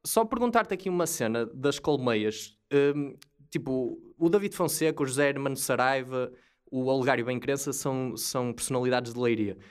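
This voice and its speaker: A man's voice: mid-range voice, moderate pace, clean tone. A man with a European Portuguese accent hosting a podcast in a casual, teasing, comic way. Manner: teasing, joking. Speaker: podcast host.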